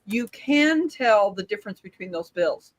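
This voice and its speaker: A woman's voice: medium pitch, animated, unhurried, crowd noise, rough recording. A woman speaking earnestly on a casual live-stream panel and repeating her points.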